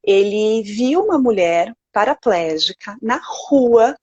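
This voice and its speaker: A woman with a Brazilian Portuguese accent, a sleep consultant speaking gently and reassuringly on a live video call. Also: medium pitch, animated, slow, breathy edge, no echo, muffled recording.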